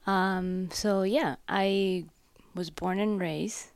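Gravelly-voiced woman curator. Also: mid-range voice, fairly even intonation, very slow, no room sound. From Ecuador. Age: 30s. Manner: reflective, conversational. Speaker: curator and gallery director. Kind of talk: interview answers.

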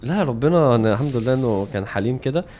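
A man's voice: medium pitch, lively intonation, very fast, mellow. A young man with an Egyptian Arabic accent, talking casually about religion as a podcast host and acting out imagined replies.

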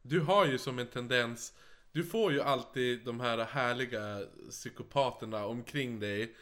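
Low-pitched co-host, easygoing. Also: male voice, a bit bright. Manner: encouraging listener, quick interjections. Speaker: podcast co-host. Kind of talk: casual chat.

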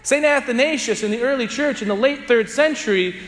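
Male priest, bright voice, slow and solemn liturgical delivery, ringing in cathedral echo. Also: very high-pitched. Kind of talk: chanted liturgy, Gospel reading and homily. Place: large reverberant church. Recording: cathedral echo, long church reverb.

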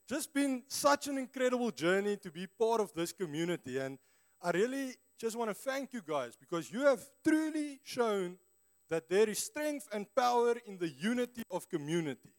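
A man's voice: high voice, lively intonation, moderate pace. A man with a broad South African Afrikaans accent preaches informally to a church congregation in an earnest, conversational way, as a native Afrikaans speaker.

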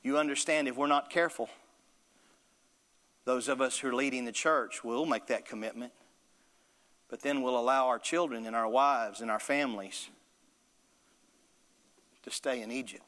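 A man's voice: mid-range voice, normal speed, pauses often, fairly bright tone, big-room sound. A male pastor delivering an emphatic sermon with call-and-response to the congregation.

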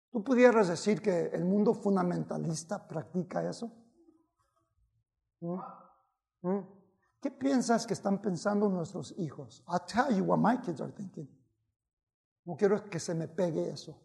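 A male preacher with a gravelly, high-pitched voice delivers a bilingual sermon at an unhurried pace. He switches between Spanish and English, exclaiming and shouting at the peaks.

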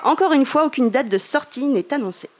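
A woman's voice: sits high, expressive, brisk. A woman co-hosting a casual podcast, reading fan news items in a playful way and now and then stumbling over words and apologizing.

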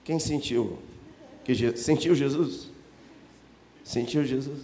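Slow-speaking pastor. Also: male voice, medium pitch, dark tone, a little hiss or hum. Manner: conversational, storytelling, rhetorical questions. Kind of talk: sermon. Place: church auditorium. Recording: echoey church hall.

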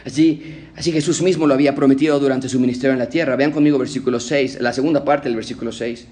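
A male pastor delivering a sermon, emphatic and rhythmic, swinging between raised declarations and hushed, low passages. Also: fairly even intonation, fast.

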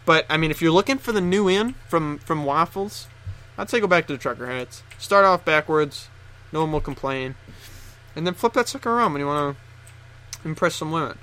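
A man's voice: fairly high pitch, expressive, a little fast, sharp tone. A man co-hosting a podcast, chatting casually with jokey, rambling opinions. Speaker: podcast co-host. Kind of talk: casual chat.

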